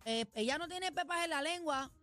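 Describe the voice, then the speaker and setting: A woman with a Puerto Rican accent and a high, bright voice co-hosts a radio gossip show. She gives her opinions in an expressive, chatty way. Faint music runs behind her. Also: normal speed. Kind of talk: casual gossip chat. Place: radio studio.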